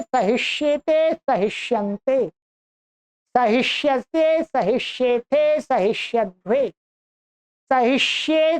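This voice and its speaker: A woman teaching a language class, reciting verb forms one by one in a slow, deliberate chant for students to repeat. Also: sits high. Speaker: Sanskrit teacher. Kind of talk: reciting verb conjugations in a lesson.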